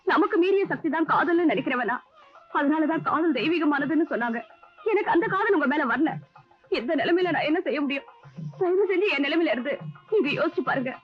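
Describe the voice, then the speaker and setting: A young heroine in a 1980s Tamil film, her voice pitched high as she pleads and apologizes with open emotion. The sound is dull and lo-fi, like an old film soundtrack, with faint music underneath. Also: lively intonation, fairly quick. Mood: remorseful. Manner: emotional, imploring, mixes English phrases. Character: young woman, remorseful, pleading with her suitor.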